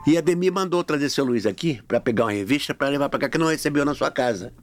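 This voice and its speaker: A man's voice: medium pitch, expressive, quick pace, soft background music. A middle-aged man telling a long anecdote in casual podcast talk, acting out the dialogue with shifting voices. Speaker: podcast guest. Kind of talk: casual storytelling.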